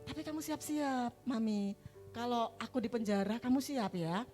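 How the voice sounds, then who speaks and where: A woman's voice: a little high, normal speed, warm tone, long reverb tail, soft background music, close to an everyday voice. A woman quoting her blunt, teasing middle-aged husband.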